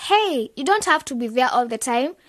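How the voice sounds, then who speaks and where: In a clean, dry studio recording, an actress with a high, animated voice speaks at a moderate pace. She plays a confident, idealistic young woman who leads a youth club in a radio drama, sounding upbeat, enthusiastic and persuasive.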